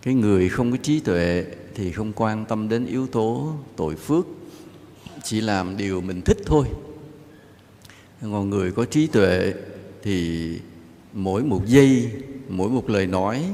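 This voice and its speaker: A man, a Buddhist monk, giving a relaxed, conversational dharma talk with gentle jokes. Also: fairly low pitch, measured pace. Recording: long hall reverb, faint ambience.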